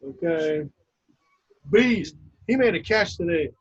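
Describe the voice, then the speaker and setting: A man's voice: fairly high pitch, animated, slow, lo-fi sound, slight background noise. A man co-hosting a sports talk show, blunt and teasing, swearing freely. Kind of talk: casual sports chat.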